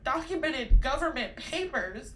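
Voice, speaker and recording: A woman's voice: high voice, animated, measured pace, a bit bright, a little hiss or hum. A woman pleading emotionally and tearfully before a judge in a courtroom recording played from a court show. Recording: echoey courtroom, voice from off-mic.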